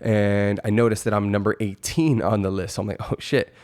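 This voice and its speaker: A man with a fairly low voice tells a personal story in an informal, conversational way. He rambles and hesitates, padding his sentences with filler words as he feels his way along. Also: steady tone, a little fast, a little mellow. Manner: rambling and hesitant, with frequent 'like' and 'you know'. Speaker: amateur stand-up comedian telling of a first open mic. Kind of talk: casual first-person storytelling.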